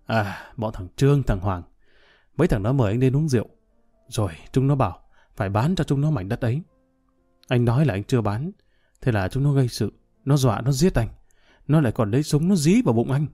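Soft background music plays as a man reads from a storybook, voicing a drunk, hot-tempered middle-aged man in an angry, blustering rant threatening revenge. His medium-pitched, mellow voice stays expressive and near his everyday one, moving fairly quickly with long pauses.

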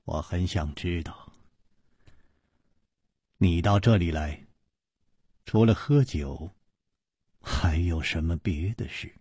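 A male storyteller playing a witty, mocking swordsman hero who teases slowly and jumps up in pitch when surprised. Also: mellow, breathy edge, no echo, studio quality, exaggerated voice. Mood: teasing. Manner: teasing and drawn out, with sudden surprised jumps in pitch.

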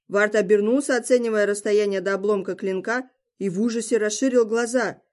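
A woman reading fantasy fiction aloud in a measured, even narration. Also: fairly high pitch. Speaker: audiobook reader.

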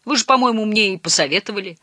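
A reader voicing a scrawny, meek fisherman who speaks quietly and timidly. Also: mid-range voice, fast, no echo, clean studio sound, voice pushed up.

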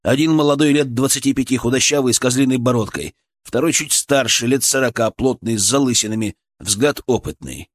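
A man's voice: mid-range voice, fairly quick, hardly any pauses. A man reading a fantasy audiobook in the first person, telling a tense story in a dramatic way. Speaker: audiobook narrator.

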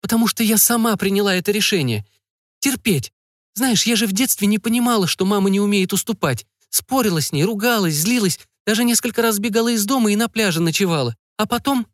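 A man's voice: high voice, animated, quick pace, no echo, clean studio sound, pitched above the performer's own voice. A man voicing a spirited young island girl who speaks earnestly and with defiance. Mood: frank, defiant.

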